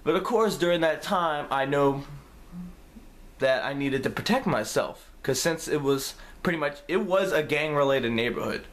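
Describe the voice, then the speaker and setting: A man's voice: a little high, normal speed. Young male vlogger, casual storytime delivery, swears freely and tells it with energy. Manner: profane, animated storytelling.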